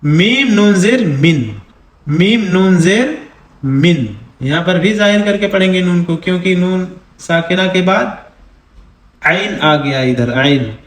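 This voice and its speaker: High-voiced man teaching Quran reading. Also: lively intonation, echoey room. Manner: spells out syllables slowly, drawn-out recitation between quick explanations. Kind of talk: recitation lesson.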